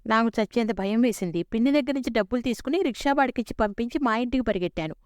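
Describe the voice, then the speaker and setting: A woman with a somewhat high, clear and resonant voice reads a humorous story aloud, voicing the characters' lines with life. The sound is close and dry, with no room echo. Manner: lively storytelling with voiced dialogue.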